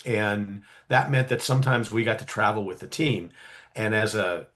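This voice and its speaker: A man telling a story casually in an interview, animated, with many fillers and quick acted-out quotes. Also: on the low side. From California, USA. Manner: animated, acts out quoted voices, frequent fillers. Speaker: guest storyteller.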